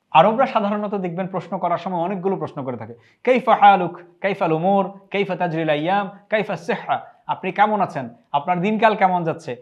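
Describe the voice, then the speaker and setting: A man teaching phrases in an online lesson, patient and repeating each phrase slowly and clearly. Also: sits high, dull audio. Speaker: language teacher.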